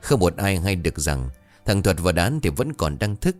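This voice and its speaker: Lively low-voiced male storyteller. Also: moderate pace, faint music behind. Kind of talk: scripted story narration.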